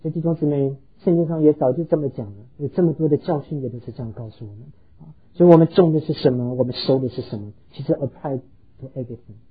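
With a medium-pitched, breathy voice, a male pastor preaches an earnest sermon to his congregation, telling stories and pausing on hesitant fillers. The audio has a phone-like quality.

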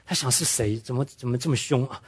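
A man preaching a sermon, telling stories earnestly and slowing down to stress his main points. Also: mid-range voice, husky. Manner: earnest storytelling preacher, drops English words into speech; slows down and drops his voice to stress key points. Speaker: pastor.

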